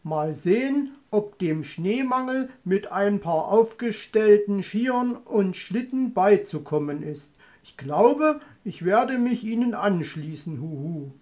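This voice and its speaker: A man voicing a slow, hooting old owl. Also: sits high, expressive, warm tone. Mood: amused. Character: wise, kindly old male owl. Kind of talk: storybook audio play.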